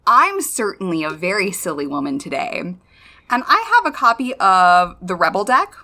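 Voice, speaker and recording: A woman's voice: mid-range voice, big pitch swings, moderate pace, bright, forceful tone. A woman co-hosting a podcast, chatting and telling stories casually in a silly, self-mocking way. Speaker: podcast co-host.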